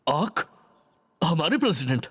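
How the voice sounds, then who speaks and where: A man's voice: fairly high pitch, sing-song, measured pace, fairly bright tone, breathy edge, full character voice. A man voicing a flustered male company employee who keeps asking anxious, startled questions.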